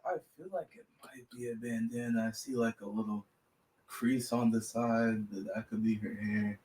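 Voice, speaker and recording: A man chats quietly and hesitantly as a podcast co-host, often stammering. His voice sits in a middle pitch and sounds set back from the microphone. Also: fairly even intonation, normal speed, distant mic. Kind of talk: casual chat.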